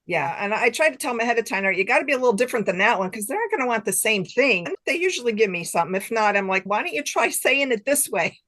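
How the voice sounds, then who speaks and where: Speaking quickly and barely pausing, this woman has a fairly high voice captured in a dry recording. As a guest author in a relaxed interview, she laughs a lot mid-sentence and acts out imagined conversations, quoting herself with animation.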